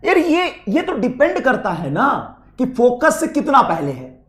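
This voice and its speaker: A man teaching physics who keeps breaking off to scold his students, sarcastic and blunt, with sudden loud outbursts. His voice sits high and swings wildly up and down as he lectures. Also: huge pitch swings, unhurried. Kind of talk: scolding a class while teaching.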